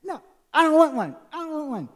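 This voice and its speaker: A man voicing his small daughter, a moody, stubborn toddler girl who squeals high with excitement. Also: brisk. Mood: refusing.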